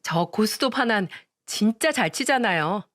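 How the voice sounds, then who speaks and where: A woman's voice: mid-range voice, lively intonation, moderate pace, fairly bright tone, no room sound, clean studio sound, lightly acted. A woman doing a snide young sister-in-law. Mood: mocking.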